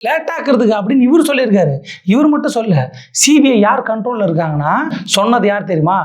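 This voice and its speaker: A woman's voice: on the high side, lively intonation, fast. A woman giving a sarcastic political roast commentary, mocking her targets with a stream of rhetorical questions.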